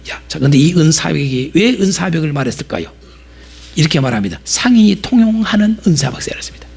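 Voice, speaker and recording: A middle-aged man preaching a lively sermon-lecture in a church, animated and jumping between quiet asides and loud acted-out outbursts. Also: on the high side, gravelly, husky. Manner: animated, acts out market sellers with sudden loud outbursts. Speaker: pastor and Bible lecturer.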